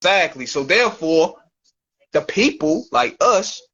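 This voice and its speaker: A man's voice: sits high, lively intonation, measured pace, fairly bright tone, breathy edge. Slangy man chatting on a lo-fi line. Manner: loose, slangy, repeats himself. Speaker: show host. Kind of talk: casual chat.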